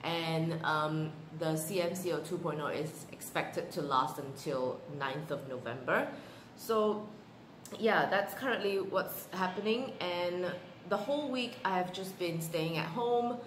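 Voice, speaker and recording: A young woman vlogs from home, her voice sitting a little low. She rambles easily through fillers and restarts. The camera mic picks up a roomy echo and a faint hiss. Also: measured pace. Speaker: vlogger. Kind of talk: casual chat to camera. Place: at home indoors. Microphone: handheld camera.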